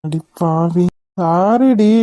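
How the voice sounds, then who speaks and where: A woman's voice: fairly low pitch, extremely slow, mellow. A woman voicing a remorseful young husband in a cartoon, coaxing and apologetic. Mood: pleading. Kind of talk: cartoon voice acting.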